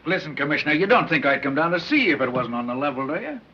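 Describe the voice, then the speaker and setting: Smooth-talking gangster, tough slang, swings up and down a lot, old dull film sound. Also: male voice, a little high, sing-song, pushed and bright, heavily acted. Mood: pushy, pleading. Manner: fast tough street slang, wheedling. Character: slick big-city gangster bargaining with police.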